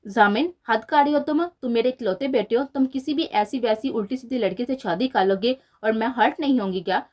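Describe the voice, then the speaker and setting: A woman's voice: fairly high pitch, darkish tone, lightly acted. A woman reading the lines of a middle-aged mother who scolds her son in an indignant way. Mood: scolding. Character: middle-aged mother, sharp-tongued and angry.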